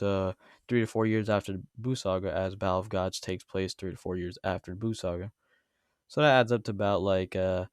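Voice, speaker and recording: A man's voice: on the low side, dry recording, studio quality. A man giving a casual, argumentative commentary monologue, rambling and correcting himself as he goes. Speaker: YouTube debate commentator.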